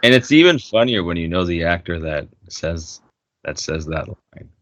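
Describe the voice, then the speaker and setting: A deep-voiced man co-hosts a podcast at normal speed, chatting casually and retelling movie scenes as an animated storyteller. He laughs often and restarts his sentences a lot, and the recording is dry and muffled.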